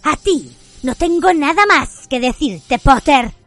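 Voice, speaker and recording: A woman voicing a cruel dark wizard who speaks in a cold, high, quiet voice, measured and slow. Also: expressive, dry recording, soft background music, full character voice. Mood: icy.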